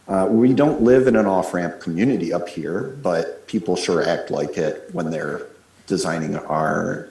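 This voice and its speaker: A man calling in to a council meeting by phone, making an earnest, measured case. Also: low voice, darkish tone, roomy sound. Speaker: caller giving public comment. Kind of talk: call-in public comment. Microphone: phone call.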